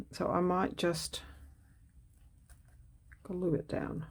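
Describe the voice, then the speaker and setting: A woman's voice: sits low, mellow. A woman talking casually as she works on a collage for her craft video, thinking aloud and changing her mind. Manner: muses aloud while working, self-correcting.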